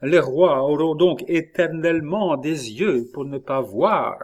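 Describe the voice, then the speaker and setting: A man reads aloud as a crafty, scornful old queen mother, scolding with cutting words in an expressive, dramatized audiobook style. The pace is slow and deliberate, but when she's alarmed, the voice leaps sharp and high.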